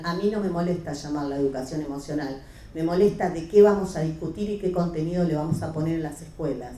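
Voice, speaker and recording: A woman with an Argentine Rioplatense accent giving an academic conference talk as an education researcher, explaining in a measured way with filled pauses. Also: on the low side, warm tone. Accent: Argentine Rioplatense Spanish. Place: lecture hall. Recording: echoey hall, distant mic, faint hiss.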